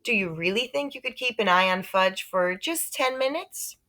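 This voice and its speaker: A woman plays a storybook mother, doting and a little harried. Her voice is bright and lifted, coaxing as it swoops up and down. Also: medium pitch, lively intonation, normal speed, voice pushed up. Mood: hesitant asking. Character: doting, harried mother of two young boys.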